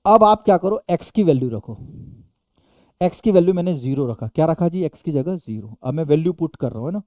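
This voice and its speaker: A man's voice: fairly high pitch, lively intonation, brisk, a little mellow, no room sound. A man teaching a maths lesson to students, asking them questions and answering them himself, and calling them children. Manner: addresses students fondly as children; emphatic rises when stressing a point. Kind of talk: classroom-style maths lesson.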